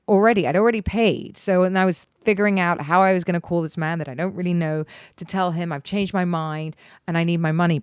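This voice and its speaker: A woman's voice: on the low side, darkish tone, clear, resonant tone, no echo, studio quality. A middle-aged woman hosting a podcast, talking bluntly and emphatically, swearing freely and repeating words for emphasis. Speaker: podcast host. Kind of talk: candid solo podcast monologue.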